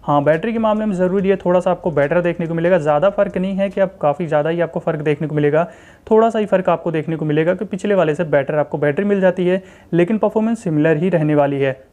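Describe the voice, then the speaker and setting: A tech channel host with an Indian accent reviews phone software in a casual screen-recording walkthrough, explaining things directly and repetitively to viewers. His voice is high, fast, and a little mellow, and the audio sounds dull.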